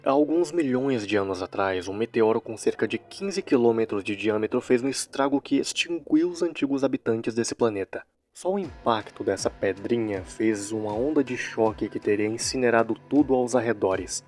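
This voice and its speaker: A Brazilian man with a lowish, darkish voice narrates a recap of a horror series in a casual commentary style, tossing in wry, joking asides.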